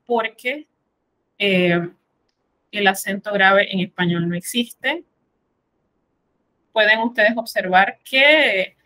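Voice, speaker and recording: Slow, bright-voiced woman teaching French. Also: mid-range voice, rough recording. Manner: says each French word slowly, then translates it; patient, instructive explanations. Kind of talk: recorded vocabulary lesson.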